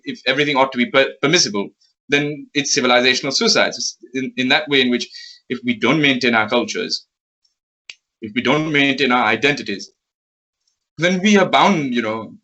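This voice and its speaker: Male guest, bright and forceful tone, articulate and thoughtful, slightly muffled. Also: medium pitch. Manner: articulate, thoughtful, laughs often. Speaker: interview guest, magazine editor. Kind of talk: casual interview conversation.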